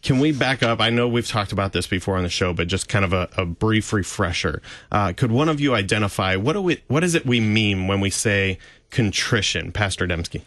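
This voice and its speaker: Male radio host, lowish voice, relaxed chat with fillers, dry close studio mic. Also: a little fast, no echo. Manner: conversational, many fillers and restarts. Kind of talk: radio talk show discussion.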